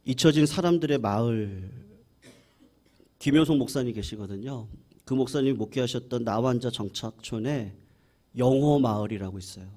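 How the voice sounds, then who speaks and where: A man, a senior pastor, preaching a sermon as a lively story and acting out quoted voices. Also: mid-range voice, normal speed.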